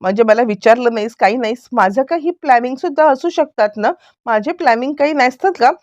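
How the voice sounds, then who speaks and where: A woman's voice: on the high side, a little fast, a little mellow, no room sound, highs cut off, close to an everyday voice. A woman reading the lines of an irritated, defensive young woman in a serial recap. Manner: irritated, argumentative.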